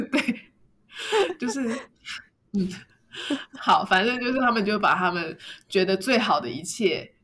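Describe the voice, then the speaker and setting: A woman co-hosting a casual podcast chat, telling a story in an animated way and laughing often. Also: mid-range voice, slow pace, pauses often. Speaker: podcast co-host.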